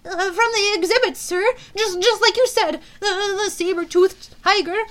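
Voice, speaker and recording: A woman voicing a jumpy, fearful male guard who stammers in a high voice. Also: unhurried, fairly bright tone. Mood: nervous.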